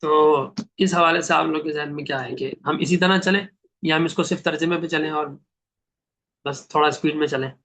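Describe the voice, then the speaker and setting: A man teaching a Quran translation class, reciting Arabic verses slowly and then explaining them with questions he answers himself. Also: on the high side, fairly bright tone, a little hiss or hum.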